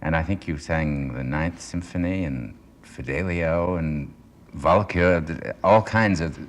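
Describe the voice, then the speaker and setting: A man hosting a radio interview, asking gracious, measured questions, on an old radio broadcast. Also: a bass voice. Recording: 1960s radio broadcast transfer.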